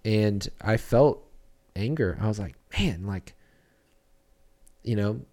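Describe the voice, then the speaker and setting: A man's voice: lowish voice, lively intonation, slow, mellow. A young adult man, a children's church pastor, talking earnestly and reflectively in a podcast interview, with frequent fillers and restarts.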